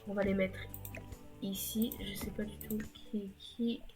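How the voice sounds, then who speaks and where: A woman's voice: medium pitch, flat delivery, a little slow, music in the background. Chatty woman narrating her gameplay. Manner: chatty, rambling, wry asides. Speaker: gaming YouTuber. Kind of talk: casual let's-play commentary.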